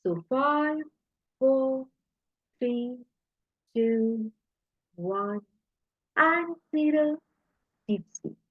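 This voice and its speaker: Very slowly, a woman with a high, expressive, husky and breathy voice talks a listener through guided hypnosis. Her tone is soothing and deliberate, split into brief phrases with pauses, and the sound is echoey and slightly muffled.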